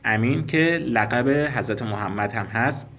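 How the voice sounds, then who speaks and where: A man teaching a spoken language lesson, explaining slowly and repeating sounds and example words. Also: on the low side, a bit bright, faint music behind. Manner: slow, careful explanations, repeating and spelling out sounds.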